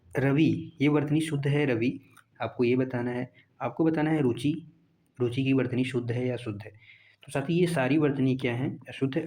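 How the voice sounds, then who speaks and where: A man's voice: medium pitch, darkish tone. A male teacher going through exam practice questions one by one, asking and answering his own questions and repeating each answer. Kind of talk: exam prep lesson.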